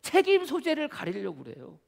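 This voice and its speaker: High-voiced gravelly pastor preaching. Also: male voice, huge pitch swings, brisk. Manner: questioning the congregation, rhetorical. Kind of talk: sermon. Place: church sanctuary. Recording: church hall reverb.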